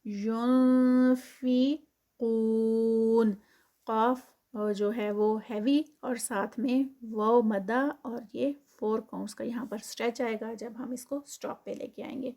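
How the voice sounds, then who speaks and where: A woman's voice: a little high, steady tone, hardly any pauses, darkish tone. A woman walks through Quranic recitation rules letter by letter. Her tone is patient and methodical, like a teacher leading a class, and she sets each explanation out step by step. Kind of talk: tajweed lesson, explaining then reciting.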